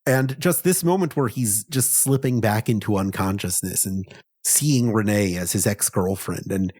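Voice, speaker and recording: A man's voice: fairly low pitch, normal speed, a little mellow, breathy edge. A man co-hosting a casual comics podcast, retelling scenes in an earnest, thoughtful way. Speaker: podcast co-host. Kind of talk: casual chat about comics.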